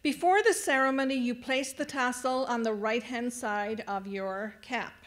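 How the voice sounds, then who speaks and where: A woman's voice: a little high, a little slow. A woman speaking at a graduation ceremony, addressing the graduates and guiding them through the tassel ritual from a podium microphone in a large venue. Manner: warm, directing the crowd with instructions. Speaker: adult education staff speaker at graduation.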